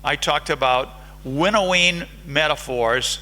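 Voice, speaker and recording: Bright-voiced American man lecturing. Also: fairly high pitch, slow pace, low-quality recording. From United States. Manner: engaging, polls the audience with questions. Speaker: conference speaker. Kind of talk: academic lecture. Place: lecture hall.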